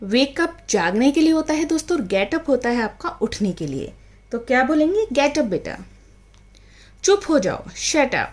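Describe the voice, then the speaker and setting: High-voiced woman teaching parents. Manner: mixes Hindi with English phrases, addresses viewers as friends; acts out a mother calling her child. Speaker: parenting tutor teaching English phrases. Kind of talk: casual home lesson to parents.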